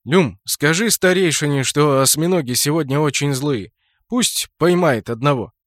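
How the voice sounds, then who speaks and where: A man's voice: on the high side, normal speed, fairly bright tone, dry recording, lightly acted. A tall outpost guard in a fantasy audiobook, suspicious at first and then easygoing, voiced by a man. He talks in a plain, matter-of-fact way that stays close to the reader's own voice. The reading has a dry, close sound. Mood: gruff. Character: tall grown male outpost guard, suspicious but friendly.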